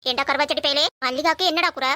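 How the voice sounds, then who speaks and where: Brief: young woman, gossipy teasing skit voice, quick delivery, close dry sound. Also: high-pitched, steady tone, bright, forceful tone, dry recording. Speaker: skit performer. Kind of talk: comedy skit dialogue.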